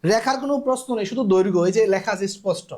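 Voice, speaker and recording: A woman's voice: mid-range voice, quick pace, darkish tone. A woman teaching a live online math class, patiently repeating key terms and checking that students understand.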